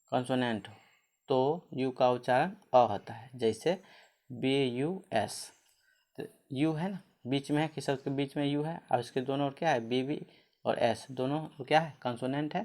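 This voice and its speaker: A man with a mid-range, somewhat dark voice is teaching English spelling and pronunciation rules. He poses questions and answers them himself, spelling words out one letter at a time.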